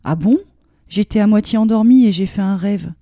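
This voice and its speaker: Brief: excitable dreamy wife, read by a woman, dark warm voice, dry sound. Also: medium pitch, normal speed, no room sound, lightly acted. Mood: eager, wondering. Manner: eager, breathless telling.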